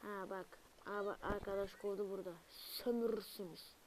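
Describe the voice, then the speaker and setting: A young woman commentating her own gameplay, alternating muttered remarks with loud frustrated outbursts and asides to viewers. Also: medium pitch, moderate pace, a little hiss or hum. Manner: excitable, frustrated outbursts at the game; talks to viewers, asks them to subscribe. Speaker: gaming video creator; student.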